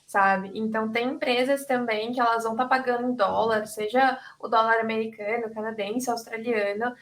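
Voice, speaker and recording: High-voiced chatty young woman. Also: steady tone, moderate pace, a bit bright. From Brazil. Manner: chatty, frequent "sabe?" and "tipo" tags. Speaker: panelist. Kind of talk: casual panel talk giving career advice.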